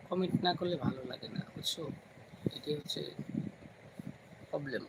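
A man hosting a casual live stream from home at night, speaking quietly so as not to wake the kids and chatting with viewers by name. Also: a little high, normal speed. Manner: talks softly, kids asleep nearby. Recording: noisy home recording, fan hum.

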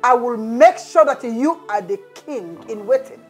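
A woman's voice: on the high side, animated, measured pace, a little mellow, soft background music. An actress with a Nigerian accent playing an ambitious mother who is firm and determined. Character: ambitious determined mother plotting for her son.

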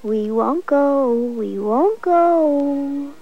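A woman's voice: medium pitch, wildly swooping pitch, unhurried, highs cut off, faint music behind. A woman doing defiant singsong goats. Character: carefree runaway goats.

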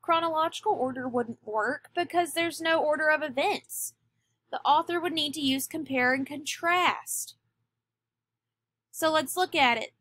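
A woman teacher giving a recorded lesson, speaking deliberately and stressing key words. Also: high-pitched, fairly bright tone. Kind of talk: recorded classroom lecture.

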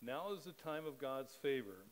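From the pulpit of a church sanctuary, a middle-aged pastor speaks the liturgy into a microphone with steady, measured evenness. His pitch is medium, and a loud crowd can be heard.

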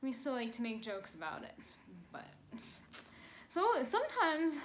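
A woman in her twenties giving a children's sermon from her bedroom, telling a story gently to kids with playful emphasis, recorded on a phone camera. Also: high voice, huge pitch swings, unhurried, slight background noise, poor audio. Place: small bedroom at home.

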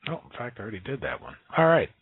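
A man hosting a call-in radio talk show, emphatic and excitable, losing his voice and sounding hoarse. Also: mid-range voice, rapid-fire, dry recording. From US Gulf coast. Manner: excited, emphatic, with many fillers. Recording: dry tinny phone-like line.

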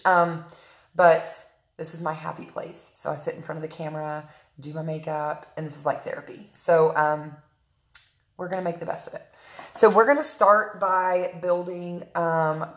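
A woman giving a casual live makeup tutorial from home, talking viewers through each step, greeting them by name and filling pauses with "um". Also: deep voice, creaky. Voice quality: chatty, frequent "um" fillers, greets viewers by name mid-sentence. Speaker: makeup artist livestreaming a tutorial. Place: at home in a room, early morning. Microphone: tablet camera on a stand. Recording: roomy echo.

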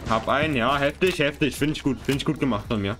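A young man giving casual gameplay commentary, excitable and self-mocking, often swearing. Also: medium pitch, fast, noisy background. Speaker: gaming YouTuber. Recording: game music and gunfire behind. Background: game music and gunfire.

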